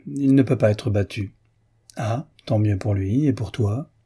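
A man reading aloud, voicing a self-assured young gentleman in an offhand manner. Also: fairly low pitch, unhurried, slightly rough, exaggerated voice. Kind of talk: audiobook character voice.

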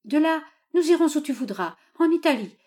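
A woman's voice: lively intonation, a little fast, a little mellow. A woman reading a novel aloud, voicing an old father who pleads with his daughter and then rages at her suitor. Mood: pleading. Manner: pleading then furious, raised and high. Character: doting, tyrannical old father, quick to rage.

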